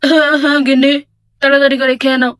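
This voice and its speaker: Woman voicing a calm poor village father. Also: sits high, rapid-fire, dry recording. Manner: calm, comforting. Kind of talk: doll story drama.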